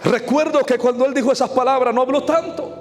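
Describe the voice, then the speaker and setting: Impassioned high-voiced preacher in a hall. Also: male voice, steady tone, fast talker. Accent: Mexican Spanish. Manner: impassioned preaching, quoting voices in his story. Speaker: evangelist. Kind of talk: sermon testimony. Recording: hall reverb, faint music behind.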